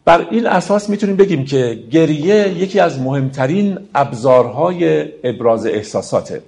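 A man lecturing on classical poetry in a gravelly voice. He explains each verse step by step and speaks to his listeners as friends. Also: a little high, animated, darkish tone.

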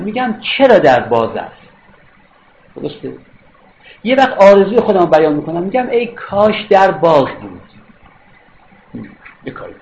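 In a slightly high, slightly mellow voice, a man delivers a philosophy lecture step by step, repeating and rephrasing points and asking questions to make sure listeners follow. The recording is dull and lo-fi with faint noise.

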